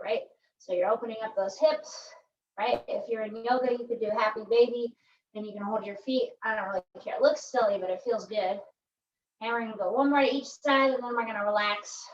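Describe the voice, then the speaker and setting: A woman's voice: a little high, echoey room, distant mic, dull audio, slight background noise. A woman leading a pilates core workout, chatty and upbeat, counting reps aloud while she exercises and often asking "right?". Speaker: pilates instructor. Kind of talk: workout instruction.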